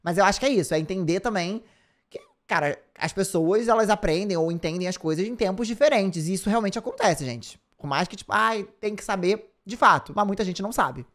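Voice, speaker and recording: A man's voice: sits high, animated, fairly quick, a bit bright. A man with a Brazilian Portuguese accent giving casual, chatty commentary to his viewers as a reaction host.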